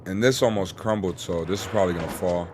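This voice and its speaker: Low-voiced man streaming a game, slangy. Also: fast, background noise. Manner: laid-back, slangy and profane. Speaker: livestreamer. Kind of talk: casual live gameplay chat.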